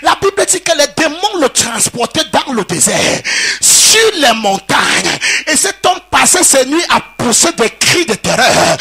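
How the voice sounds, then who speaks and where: A man preaching a fiery sermon as pastor in a church hall, proclaiming with repetition and bursts of shouting. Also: extremely high pitch, vocal fry.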